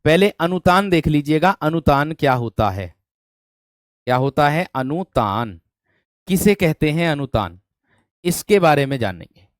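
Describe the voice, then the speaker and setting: A man's voice: on the high side, lively intonation, measured pace, pauses often, no room sound. A male teacher running an online exam-prep class, calling students "my friend" and repeating questions to drill them. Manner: addresses students as "my friend", asks for thumbs up.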